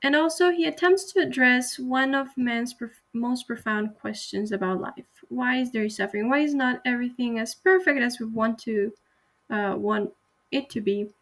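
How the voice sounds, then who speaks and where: A young woman, a university student, giving an earnest, explanatory class presentation on a poem, with frequent pauses and restarts. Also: a little high.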